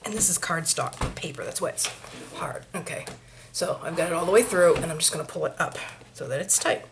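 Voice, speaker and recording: Lower-voiced Maine woman teaching a craft. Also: lively intonation, a little fast. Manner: chatty, talks through each step, mutters asides to herself. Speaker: craft tutorial host. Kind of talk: hands-on craft tutorial. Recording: noisy home recording with clicks.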